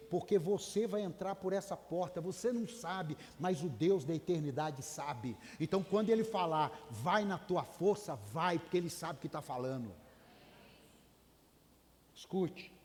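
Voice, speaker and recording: A man preaching a sermon in a Brazilian Portuguese accent, swinging between loud calls and hushed asides and urging the congregation to answer back. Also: sits high, lively intonation, moderate pace. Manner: urges the congregation to respond aloud. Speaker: pastor. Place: church hall. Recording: long church hall reverb.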